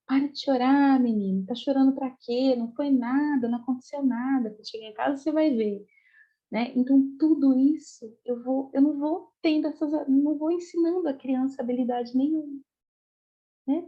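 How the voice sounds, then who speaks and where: Warm-toned woman explaining parenting ideas. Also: fairly high pitch, muffled recording. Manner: explanatory, frequent tag questions; acts out parents' scolding lines. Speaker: parenting educator guest. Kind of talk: podcast interview explanation.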